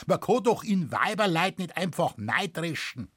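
A burly Bavarian forest warden answers in blunt, earthy dialect, as a male reader plays him. His voice sits high for a man and swings lively. It has a husky grain. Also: a little slow, no echo, clean studio sound, full character voice.

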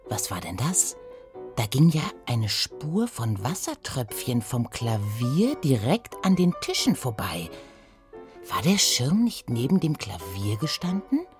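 A woman narrating a children's detective story in a lively storytelling manner, close and dry. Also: a bass voice, slow, faint music behind.

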